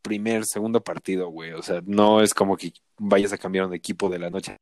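A man's voice: deep voice, fairly even intonation, a little fast, darkish tone, no echo. A man with a Mexican accent bantering casually and profanely as a football podcast co-host. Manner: slangy, profane, joking.

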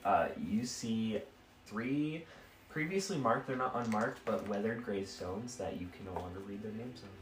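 A man's voice: on the low side, moderate pace. A man narrating as game master in a tabletop game, rambling and correcting himself as he describes the scene. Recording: echoey room, distant mic, faint noise.

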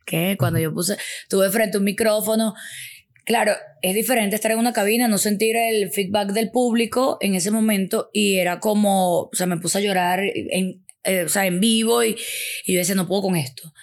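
A woman in casual podcast chat as a guest sex educator, telling animated stories, laughing often and acting out quotes. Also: mid-range voice, moderate pace.

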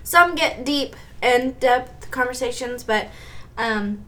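A woman, co-hosting a casual couple's podcast in a relaxed, easygoing way. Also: fairly high pitch, slow. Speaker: podcast co-host.

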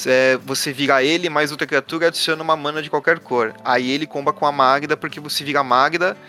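A man's voice: on the high side, fairly even intonation, fast, bright, forceful tone, soft background music. A man with a Brazilian accent and a slight tongue-tied lisp, explaining a card game in casual, slangy talk. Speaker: podcast panelist.

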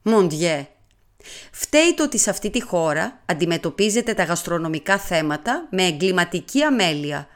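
A woman's voice: lowish voice, very animated. Poirot, a woman doing a fussy Belgian detective. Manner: fastidious, sprinkles French words. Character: fussy Belgian male detective, vain and polite. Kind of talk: audiobook character reading.

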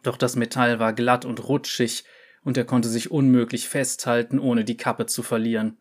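A man narrating a short story aloud in a calm, measured way. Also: mid-range voice.

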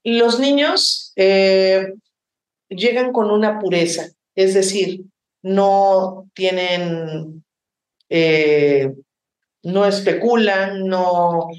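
A woman's voice: mid-range voice, drawn-out words. A woman theater teacher and director from Mexico, answering interview questions with passion and frequent reflective asides. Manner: passionate, reflective, many rhetorical "¿no?" tags. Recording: roomy echo.

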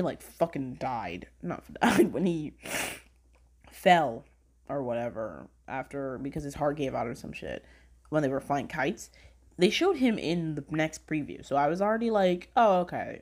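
A young woman hosting a casual weekly review podcast, animated and sweary, swinging from low mumbles to high squeals. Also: a little slow. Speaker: podcast host reviewing shows.

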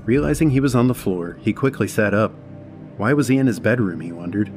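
A man giving a measured, dramatic scripted horror narration. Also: fairly low pitch, lively intonation, over music.

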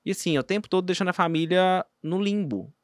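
A man's voice: sits high, fast talker. A man with a Brazilian accent hosting a casual podcast chat, talking in a rambling, slangy way with many restarts. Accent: Brazilian Portuguese.

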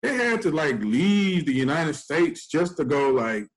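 A man's voice: on the high side, very animated, a little slow, low-quality recording. A man co-hosting a podcast in casual chat, joking and slangy, laughing a lot. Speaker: podcast co-host.

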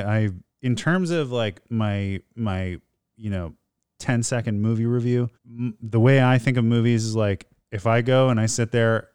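Rambling man with a low, smooth voice. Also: darkish tone, no room sound, clean studio sound. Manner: rambling, many fillers and restarts, goofy. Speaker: podcast guest. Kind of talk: casual podcast chat.

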